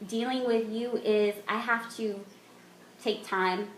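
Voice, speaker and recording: A woman hosting a casual chat, talking in a measured, reflective way. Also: fairly high pitch, steady tone. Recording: echoey room with faint noise.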